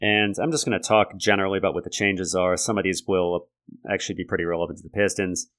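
A man hosting a sports podcast solo, talking analytically and conversationally in a gravelly voice left raspy by a lingering cold. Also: low voice, steady tone, quick pace, a bit bright. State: raspy from a lingering respiratory infection. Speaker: podcast host. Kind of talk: sports commentary monologue.

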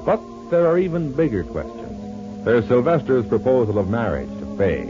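A man's voice: mid-range voice, big pitch swings, normal speed. A man announcing on an old radio show, selling a product and introducing the serial with eager, salesman-like delivery. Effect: old radio broadcast sound. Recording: muffled old radio transcription with music.

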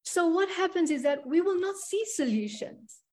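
In a conversational interview, a South African woman, a money and spiritual coach, speaks earnestly with a very high voice and lively intonation. Her tone is darkish and her speed normal, and she keeps checking in with "right?".

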